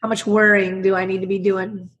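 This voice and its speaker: A woman co-hosting a casual podcast in a chummy, slangy way, with a hoarse smoker's rasp and a congested sound from a sinus bug. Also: mid-range voice, little pitch movement, fairly quick, a bit bright, muffled recording. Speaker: podcast co-host.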